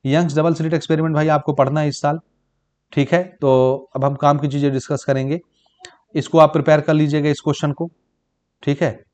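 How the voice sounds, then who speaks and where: Brisk man teaching exam prep, higher voice. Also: flat delivery, a little mellow. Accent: Chhattisgarh Hindi. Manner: brisk, addresses students as brother and child. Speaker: physics teacher.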